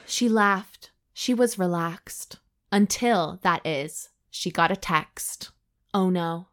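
On a comedy podcast, a female co-host reads a story aloud in a mock-serious, deadpan manner between stretches of banter. Her voice is on the low side and she takes her time.

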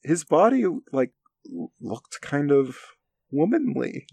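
A man co-hosting a casual film discussion from his home, speaking in hesitant, halting phrases with a creaky voice. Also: a little high, sing-song, a little mellow, no room sound. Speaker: podcast co-host. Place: home basement. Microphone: recorded at his end of an internet call.

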